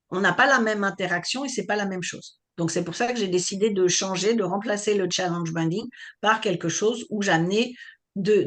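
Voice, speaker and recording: Woman coach teaching a live webinar, explains patiently, keeps asking if it's clear. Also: mid-range voice. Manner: explanatory, checks on listeners with questions. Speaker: online business coach.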